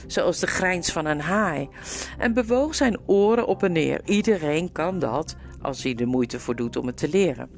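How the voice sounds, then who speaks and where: A woman reading a children's novel aloud with expressive, lively storytelling. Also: fairly low pitch, creaky. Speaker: storybook narrator.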